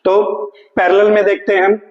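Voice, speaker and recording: Man, exam-prep English teacher, high pitch, long hall reverb, asks and answers his own questions. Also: little pitch movement, lo-fi sound. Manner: questions then answers himself, calls students "beta", reads English lines slowly. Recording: echoey room with long reverb.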